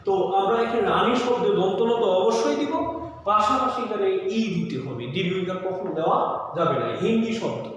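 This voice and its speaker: A male teacher giving a slow lecture on spelling rules, repeating key words as he explains. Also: high-pitched, lively intonation, fairly bright tone, a little hiss or hum. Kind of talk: classroom lecture. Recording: very echoey room with long reverb.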